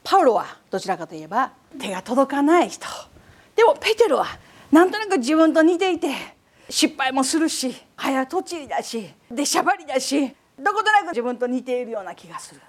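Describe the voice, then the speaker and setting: Animated high-voiced woman preaching. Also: a little fast. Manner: animated, asks the audience questions. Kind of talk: sermon.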